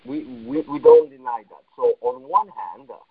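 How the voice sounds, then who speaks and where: A man's voice: on the high side, huge pitch swings, moderate pace, gravelly, breathy edge, no echo. A man coaching on a conference call, blunt and emphatic, his voice muffled as if heard through a wall on a phone line. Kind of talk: motivational teaching monologue.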